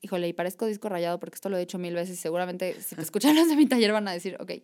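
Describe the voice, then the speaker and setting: A woman, a podcast guest in casual conversation, animated and reflective, often saying "o sea" and "¿sabes?". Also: lowish voice, very fast.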